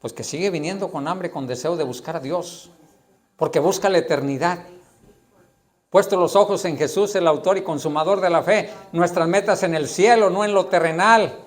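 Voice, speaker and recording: High-voiced pastor preaching emphatically. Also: male voice, moderate pace. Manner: emphatic preaching, addresses listeners directly. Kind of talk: sermon.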